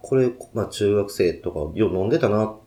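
Kansai-accented man, fairly low voice, rapid teasing banter. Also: mellow. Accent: Kansai Japanese. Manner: nostalgic, teasing, chuckles. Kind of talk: casual chat.

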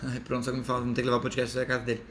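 A podcast host chatting playfully, with quick enthusiastic interjections. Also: mid-range voice, completely flat delivery, a bit bright, reverberant, a little hiss or hum. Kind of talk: casual chat.

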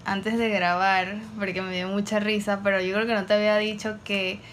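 A woman's voice: mid-range voice, flat delivery, moderate pace, fairly bright tone, a little hiss or hum. A woman from the United States co-hosting a podcast in casual, teasing, informal Spanglish. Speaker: podcast co-host.

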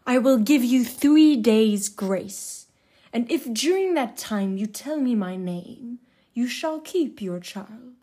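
Rumpelstiltskin, a woman putting on a high sly dwarf. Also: animated, mellow, husky, full character voice. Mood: bargaining. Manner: slow, sing-song, wheedling. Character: droll little hobbling male dwarf, sly and bargaining. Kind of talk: storybook reading.

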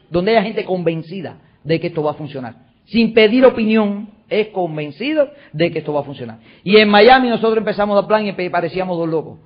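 A man giving an emphatic motivational talk to an audience, full of repetition and rhetorical questions. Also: high voice. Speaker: motivational speaker. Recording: dull lo-fi recording.

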